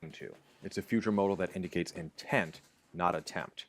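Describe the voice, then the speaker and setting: A man's voice: low-pitched, moderate pace, a little hiss or hum. A man presenting a scripted linguistics explainer in an articulate, academic way with dry humor.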